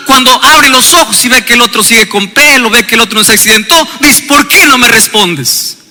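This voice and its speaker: A male pastor preaching a sermon, calling for responses from the congregation and building up to shouts. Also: very high-pitched, long reverb tail.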